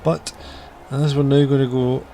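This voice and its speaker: A man giving casual, explanatory video game review commentary, pausing often as he finds his words. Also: medium pitch, little pitch movement. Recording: loud game music behind voice. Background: game music and dialogue.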